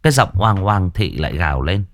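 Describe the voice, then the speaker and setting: A man narrating a horror story in a lively, colloquial way. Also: low-pitched, brisk.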